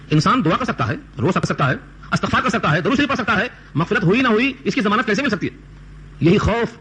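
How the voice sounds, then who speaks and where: A man giving a Quran commentary lecture, reciting Arabic verses slowly and then explaining them with rhetorical questions. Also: high-pitched, pushed and bright. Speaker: Quran teacher. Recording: dull lo-fi recording with faint noise.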